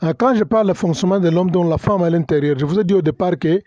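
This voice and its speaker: A fast-talking pastor with a high-pitched, warm voice teaches a sermon, though he hesitates, corrects himself and leans on fillers. He is bilingual in English and French, spells out words and mixes in English terms; the audio is muffled with no room sound.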